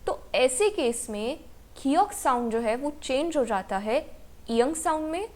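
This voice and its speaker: A woman's voice: high voice, a little mellow. A woman teaching a language lesson, patiently spelling out sounds and answering her own questions. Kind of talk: slow explanatory lesson narration.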